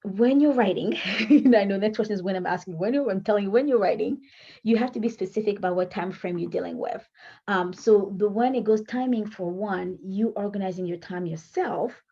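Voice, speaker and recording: Speaking fairly quickly in a gravelly, husky, warm mid-range voice, a woman whose first language is French coaches writers to camera. Her casual teaching is chatty and self-correcting, with laughter between points, though the recording sounds muffled.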